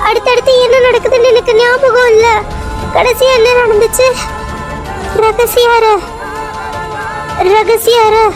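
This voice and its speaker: A bewildered young ghost girl in a cartoon, played by a woman with a very high, thin voice. She halts and gropes for lost memories. A score plays clearly underneath. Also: level tone, music in the background. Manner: halting, searching for memories. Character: lost female spirit, dazed and confused. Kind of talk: cartoon serial voice acting.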